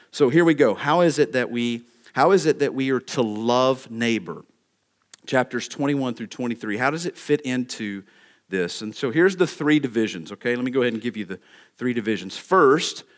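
Speaking in a mid-range voice, a pastor delivers his sermon point by point, stressing each numbered item. Every so often he asks the congregation "okay?" to make sure they're with him.

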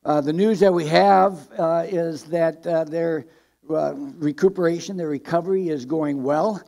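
Older Midwestern American pastor, warm gravelly voice, halting announcements with fillers. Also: male voice, on the high side, fairly even intonation. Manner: halting, many filler words. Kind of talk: church announcements. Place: church sanctuary at a lectern.

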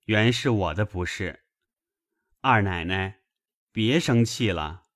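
A man's voice: fairly low pitch, animated, slow pace, a bit bright. A man voicing a sheepish young nobleman apologizing to his wife and her maid.

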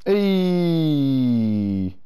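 Male gamer, swearing and ranting, slightly high and very slow, noisy mic over game sound. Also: very animated, dark tone. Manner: foul-mouthed, ranting. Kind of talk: casual gaming commentary.

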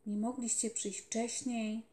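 A woman voicing a quiet, gentle, grieving boy leader who speaks softly in a storybook reading. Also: fairly high pitch, little pitch movement, takes it slowly. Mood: hushed. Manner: soft and hushed. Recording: roomy echoey home recording.

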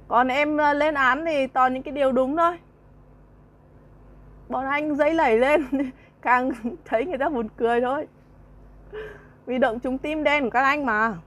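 A woman's voice: sits high, a bit bright. A young woman vlogger in a heated monologue, mocking a rival with scornful jabs, laughter between lines and repeated rhetorical questions.

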